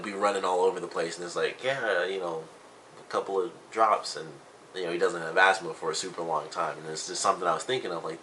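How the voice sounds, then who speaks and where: A man with a deep voice and a bright, slightly tense edge talks through his thoughts on a TV episode. His delivery is loose and conversational, packed with fillers as he circles back to his points. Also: a little hiss or hum, poor audio. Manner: rambling, full of "you know" and "like". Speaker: TV episode reviewer. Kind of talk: casual spoken review.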